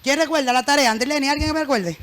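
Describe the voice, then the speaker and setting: High, bright-voiced woman preaching. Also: fast talker. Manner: lively preaching, has the congregation repeat phrases, joking asides. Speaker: pastor. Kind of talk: sermon. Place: church.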